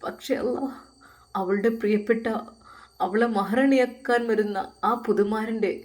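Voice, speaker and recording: A woman's voice: mid-range voice, a little slow, darkish tone, close to an everyday voice. A woman voicing a devout young male religious teacher who prays to God in a tearful, pleading way. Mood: tearful prayer. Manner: pleading, sobbing prayer.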